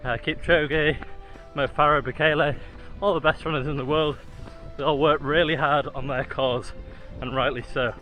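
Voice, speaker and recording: A man vlogs casually while jogging outdoors, his highish voice steady, pushed and bright, at normal speed with few pauses. Faint music sits behind a rough recording.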